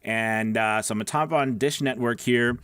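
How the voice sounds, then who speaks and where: This voice-over coach and host talks in a mid-range, clear, resonant voice that's a bit bright, at a normal speed, in a dry recording. On a close mic, he keeps his tutorial casual and chatty, reading demo scripts and offering emphatic, reassuring explanations.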